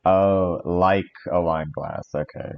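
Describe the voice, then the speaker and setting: A man with a fairly low voice chats casually over a game. He is amused and unhurried, with loose, sweary phrasing. The recording is dull and lo-fi, with music behind. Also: steady tone, creaky. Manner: amused, profane. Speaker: fan visual novel creator playing along. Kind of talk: casual joking chat during a game.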